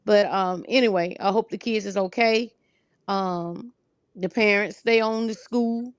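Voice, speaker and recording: A woman's voice: medium pitch, measured pace, clean tone, no echo, muffled recording. Woman, casual and closely recorded. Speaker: panelist. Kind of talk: casual panel commentary.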